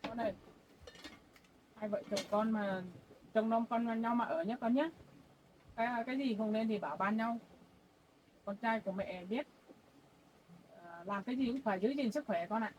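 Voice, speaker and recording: An older woman talking as a grandmother, gently giving motherly advice and doting on the family in casual chat. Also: a little high, moderate pace, long pauses, a little hiss or hum. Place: rural home, indoors.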